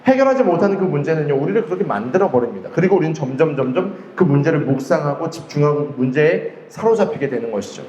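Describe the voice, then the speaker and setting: A man's voice: a little high, very animated, fast talker, few pauses, a little mellow, dull audio, a little hiss or hum. A male pastor preaching a sermon in a conversational way, often asking the congregation questions. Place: church hall. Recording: echoey hall with faint ambience.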